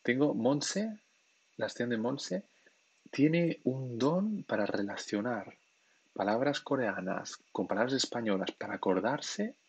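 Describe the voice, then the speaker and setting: Husky-voiced man teaching on a livestream. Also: mid-range voice, animated, measured pace, dry recording. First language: Spanish and Catalan. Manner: patient, explanatory, keeps checking in with "¿sí?". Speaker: Korean language teacher on a livestream. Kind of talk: live-stream lesson, reading chat questions.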